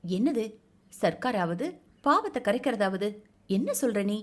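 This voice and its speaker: A woman's voice: mid-range voice, big pitch swings, unhurried. A woman voicing a young married woman who speaks curtly and impatiently. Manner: curt, impatient.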